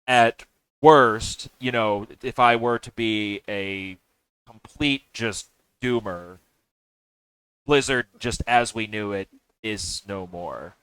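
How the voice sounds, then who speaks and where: A man chatting casually on a podcast, talking haltingly with many restarts and fillers. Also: on the low side, fairly bright tone, clean tone, dry recording. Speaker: podcast host.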